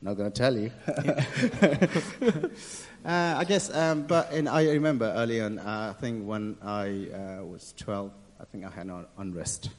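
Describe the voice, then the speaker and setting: A young man from Nepal, telling his story in a church interview, hesitant with many pauses and easy laughs. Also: fairly low pitch. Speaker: interview guest. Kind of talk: casual testimony in church. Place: church hall. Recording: reverberant church hall.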